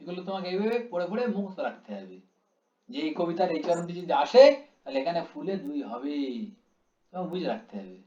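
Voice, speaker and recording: A man's voice: on the high side, very animated, fast, mellow. A man teaching a class, explaining step by step and drawing out syllables to show how long they are. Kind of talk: classroom lecture. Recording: echoey room, dull lo-fi sound.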